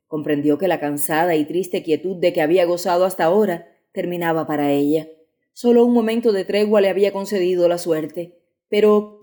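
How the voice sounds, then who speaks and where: Brief: woman audiobook narrator, mellow dark tone, measured literary reading. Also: lowish voice. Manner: measured, even storytelling.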